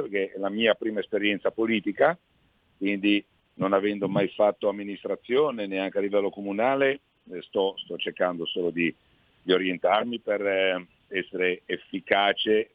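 A man from Savona speaks over a thin, phone-like line with a dry, close sound. His voice sits fairly low. He answers as a guest in a live radio interview, measured and halting, pausing often to find his words. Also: dry recording. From Savona, Liguria. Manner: measured and halting, with frequent hesitations. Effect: heard over a phone line. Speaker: newly elected regional councillor, phone guest.

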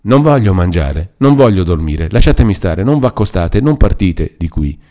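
A man's voice: deep voice, very animated, normal speed, warm tone. A man reading aloud and voicing a terrified young woman held captive, pleading and crying out. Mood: frantic. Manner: pleading, frantic cries.

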